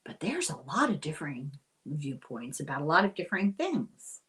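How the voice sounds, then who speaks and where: A woman's voice: deep voice, very animated, moderate pace, fairly bright tone, low-quality recording. Older Irish woman, host of a casual explainer. Chatty and wry, prone to tangents. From Ireland. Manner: chatty, wry, digressive asides.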